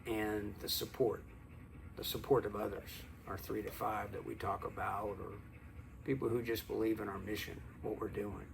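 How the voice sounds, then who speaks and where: A middle-aged man talking casually to camera in a calm, unhurried, folksy way, like a plain-spoken motivational teacher. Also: on the low side, gravelly. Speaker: video host and teacher. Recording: some background noise.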